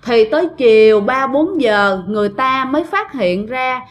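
A woman's voice: fairly high pitch, animated, unhurried. A woman with a Southern Vietnamese accent, casually retelling a ghost story and chatting directly to her listeners.

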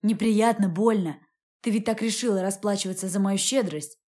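A woman's voice: mid-range voice, normal speed, dark tone, natural voice. A woman reading the lines of a cold, domineering wealthy man in an audiobook, speaking curtly. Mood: angry. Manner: curt and cold.

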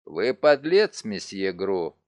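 A man voicing a calm, stern male police commissioner who accuses and gives orders firmly, in an audiobook. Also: low-pitched, slow pace, no room sound, voice pushed down, heavily acted. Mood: cold, accusing. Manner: firm, commanding.

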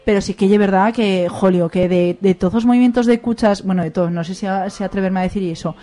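A woman's voice: mid-range voice, quick pace, dark tone. A woman with an Aragonese accent, talking on a radio panel in a rambling, emphatic way. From Aragón. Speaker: radio show guest. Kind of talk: casual roundtable chat.

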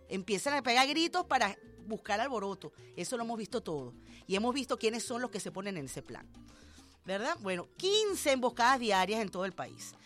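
A woman's voice: on the high side, a bit bright. A Venezuelan woman hosting a radio show, giving emphatic, indignant commentary with sarcastic asides. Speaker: radio host.

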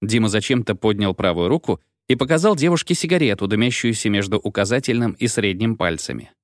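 Man, audiobook narrator, lively intonation, dry close-miked sound. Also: lowish voice, a little fast, no echo. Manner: expressive, storytelling. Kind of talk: scripted narration.

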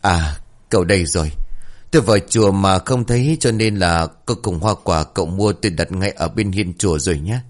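A man's voice: low voice, fairly quick, close to an everyday voice. A man voicing a chatty, helpful woman who sells fruit in a village. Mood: cheerful.

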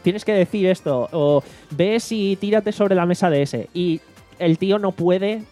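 Chatty man, slightly high voice. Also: measured pace, dark tone, faint music behind. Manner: retells a comedy show with lots of fillers and swearing. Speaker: podcast host. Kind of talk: casual chat.

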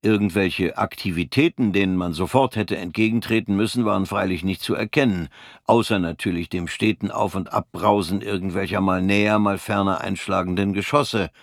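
A man reading an audiobook in a measured, even storytelling manner. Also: sits low, no echo, clean studio sound. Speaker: narrator. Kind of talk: scripted audiobook narration.

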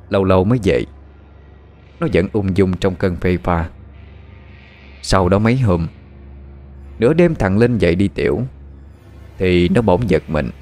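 A man, narrating a dark story in a steady, dramatic way. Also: on the low side.

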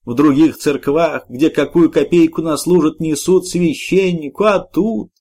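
A man's voice: fairly high pitch, measured pace, warm tone, pitched above the performer's own voice. A man voicing a grumbling, indignant old village woman in an audiobook.

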